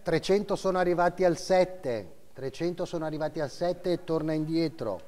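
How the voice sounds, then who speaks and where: The voice is a middle-aged man's, fairly high and darkish, at a moderate pace, ringing through a large hall. He works as an auctioneer from behind a desk in an indoor auction room, calling live bids and lot numbers in clipped phrases and repeating figures often.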